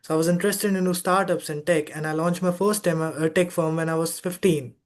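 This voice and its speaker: A young man in his twenties from Rajasthan in India answers interview questions. His voice sits somewhat high for a man, and he talks with a few small halts and fillers. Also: steady tone, brisk. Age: 20s. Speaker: guest founder.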